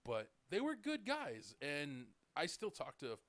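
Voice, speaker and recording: Speaking unhurriedly in a slightly high, somewhat bright voice with huge pitch swings, a man in his late thirties rambles through stories on a casual podcast. He leans on "like" and "dude" constantly, and there's no echo.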